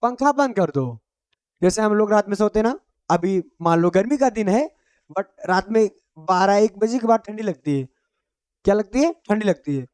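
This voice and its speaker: Recorded at studio quality without echo, a man teaches everyday English phrases in Hindi in a high, clear, resonant, slightly mellow voice with lively intonation and a moderate pace. He says each phrase repeatedly, quizzes the listener over and over, and explains in plain, homely language.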